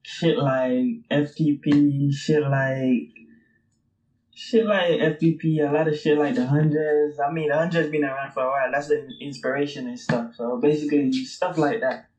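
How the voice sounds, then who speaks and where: A man's voice: a little high, fairly even intonation, normal speed, darkish tone, poor audio. A man in his twenties from Brooklyn, New York, answering interview questions in a loose, rambling way full of fillers and casual swearing. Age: 20s. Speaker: streetwear brand founder and guest.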